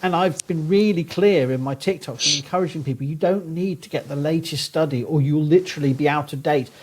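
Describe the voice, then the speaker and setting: Podcast guest: male academic, modern posh Southern English accent, slightly high husky voice, animated explainer. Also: fairly quick. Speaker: guest archaeologist. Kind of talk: conversational podcast interview.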